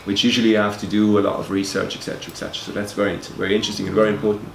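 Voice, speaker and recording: Recorded in an echoey room with faint background noise, a forties-aged Swiss man who directs education at a fashion school answers an interview hesitantly, frequently repeating words. His low voice has vocal fry, a flat delivery, and a racing pace.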